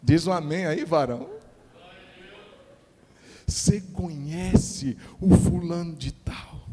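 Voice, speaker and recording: Slow-preaching pastor in a reverberant church. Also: male voice, fairly high pitch, slightly rough. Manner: emphatic preaching, rhetorical questions, swings between hushed and loud. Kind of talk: sermon. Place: church hall. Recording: long reverb of a church hall.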